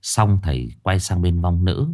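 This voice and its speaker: A man narrating a ghost story in a lively, folksy, expressive way. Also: deep voice, a little slow.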